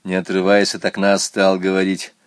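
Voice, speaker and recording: A man narrating a children's audiobook in a slow, expressive storytelling manner. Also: sits low, no echo, clean studio sound.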